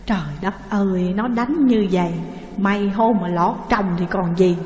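A woman voicing a calm older mother who coaxes and soothes. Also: medium pitch, normal speed, highs cut off, lightly acted. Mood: placating. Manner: soothing, coaxing. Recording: echoey room with long reverb.

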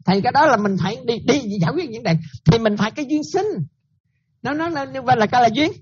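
A woman's voice: a little high, animated, quick pace, a little mellow, slightly rough, muffled recording. A Buddhist nun giving a dharma talk, often checking that her listeners follow and repeating her points.

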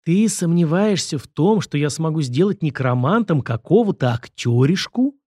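A man's voice: fairly high pitch, animated, fairly quick, a little mellow, dry recording, studio quality. A man voicing a pompous, touchy film director who blusters and talks about himself in the third person. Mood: offended. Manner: blustering, refers to himself in the third person, squeals when angry. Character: pompous, touchy male film director, self-important and shrill.

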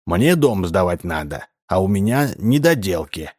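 A man's voice: deep voice, very animated, unhurried, a little mellow, slightly rough, no room sound, clean studio sound, heavily acted. A man voicing a sly, pushy middle-aged building manager in a read-aloud story. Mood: scheming. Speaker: building contractor.

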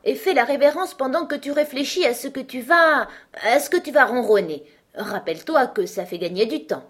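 A woman's voice: high-pitched, expressive, normal speed, fairly bright tone, pitched above the performer's own voice. A woman voicing Alice, a curious, chatty young girl who fondly scolds her cats in a storybook reading. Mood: playful.

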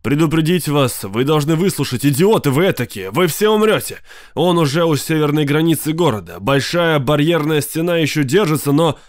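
A man voicing a gaunt, toothless, bearded stranger shouting frantic warnings in an audiobook. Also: on the high side, expressive, brisk, no room sound, clean studio sound, pitched above the performer's own voice, lightly acted. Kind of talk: audiobook character voice.

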